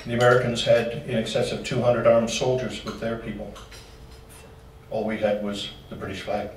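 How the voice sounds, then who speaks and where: A man's voice: on the low side, little pitch movement, moderate pace, a little hiss or hum. A man giving a slide-show history talk to a club, folksy and dropping joking asides. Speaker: local history presenter. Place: meeting room. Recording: roomy hall from far off.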